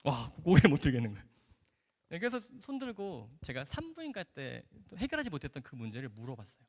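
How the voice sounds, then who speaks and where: A man's voice: fairly high pitch, huge pitch swings, fast, a little mellow. A man, a doctor, telling a personal testimony in a storytelling way and acting out the dialogue. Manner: storyteller who acts out quoted dialogue. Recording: long hall reverb.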